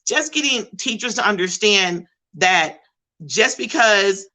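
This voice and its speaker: A middle-aged woman, a school behavior specialist, telling stories in an animated, emphatic way during a panel discussion. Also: mid-range voice, slow pace, rough recording. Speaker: behavioral support intervention specialist.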